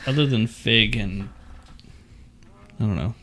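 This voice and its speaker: A man's voice: on the low side, slow pace, crowd noise. A man in casual chat as co-host of a beer tasting show, laughing easily and stumbling over foreign names.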